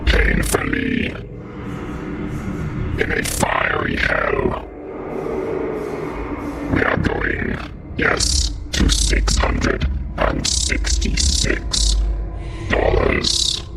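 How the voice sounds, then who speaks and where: A man using a voice changer for a disguised deep voice, playing an evil male demon who threatens humans on a livestream. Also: monotone, heavily acted. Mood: menacing. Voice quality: gravelly, slow, menacing. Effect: voice changer, disguised deep monster voice. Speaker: streamer. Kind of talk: livestream chat in character. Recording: loud music behind voice.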